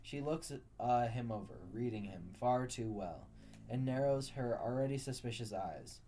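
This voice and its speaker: Male storyteller, warm low-brightness tone, steady read-aloud delivery. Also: normal speed, slight background noise. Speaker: narrator.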